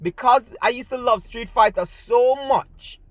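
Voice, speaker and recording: Speaking at a measured pace in a very high-pitched voice, this gaming channel host with a Jamaican accent delivers a casual, heated rant to camera. He rambles and keeps restarting, and the sound is dry.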